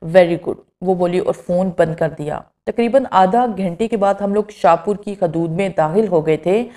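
A woman narrating a first-person horror story in a steady, scripted reading. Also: on the low side.

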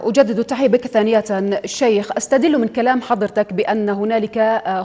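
A woman's voice: mid-range voice, mellow, in a large hall. A woman presenter formally questioning a guest in a TV interview. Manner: formal, measured questioning with fillers.

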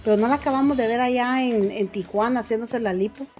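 A woman's voice: a little high, fast talker, darkish tone, soft background music. A woman hosting celebrity gossip commentary, telling the story in a dramatic, mocking way and calling her viewers family.

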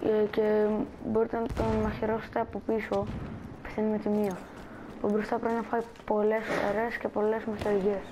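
A woman's voice: medium pitch, completely flat delivery, noisy background. A woman giving casual gameplay commentary as a channel host, chatting and talking viewers through her moves.

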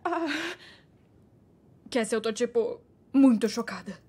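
Husky, lively Brazilian teen girl in a dubbed drama, nervously pleading. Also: a little high, slow pace. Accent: Brazilian Portuguese. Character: awkward teenage girl trying to calm a fight.

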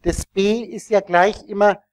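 A man with a notably high voice lectures a room full of listeners, wandering from point to point and checking whether they are following. His sound is close and dry, with almost no room echo. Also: fairly even intonation, a little slow. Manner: rambling, explanatory, asks the audience questions. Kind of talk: live teaching talk to an audience.

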